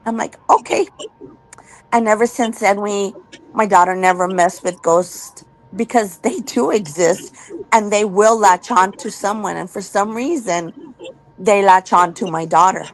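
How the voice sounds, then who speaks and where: A woman's voice: medium pitch, measured pace, low-quality recording. A woman telling a personal ghost story in an earnest, casual way, repeating words when she gets tense.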